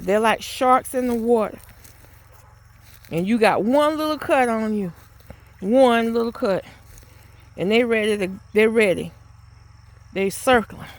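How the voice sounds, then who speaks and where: A woman talking to the camera outdoors in a yard, earnest and exasperated, with a preachy tone and frequent restarts. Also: on the high side. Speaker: vlogger. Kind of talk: spoken outdoor vlog monologue. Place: outdoors in a rural yard or garden.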